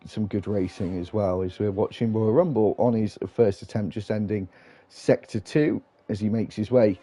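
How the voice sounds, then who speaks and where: A man's voice: fairly low pitch, warm tone. A man hosting and commentating live on an online racing broadcast. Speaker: host and lead commentator.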